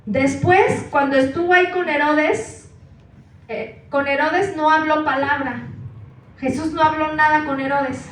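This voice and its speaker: A woman preacher in a church hall reads scripture aloud verse by verse, naming each verse number and questioning her listeners. Her high-pitched voice is a bit bright, with fairly even intonation and a measured pace. The recording comes from far off, full of the hall's echo.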